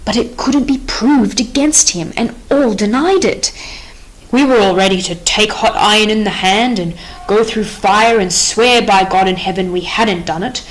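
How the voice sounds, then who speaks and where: A woman reading the part of a nervous, rambling male soldier in an audiobook play, anxious and excitable in manner. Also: mid-range voice, measured pace, lightly acted, low-quality recording. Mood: excited.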